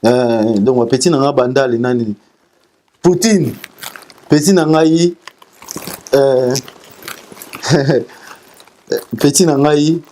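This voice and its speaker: A man's voice: a little high, warm tone. A man, a singer interviewed as a guest, talking casually and sending greetings, often stumbling over repeated syllables. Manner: halting, repeats syllables and restarts.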